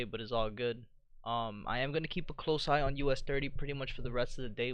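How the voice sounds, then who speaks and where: A man hosting a live trading stream, walking through charts in a relaxed way and often checking in with "you know" and "right?". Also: mid-range voice, dry recording. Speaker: trading livestream host. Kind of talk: live market commentary.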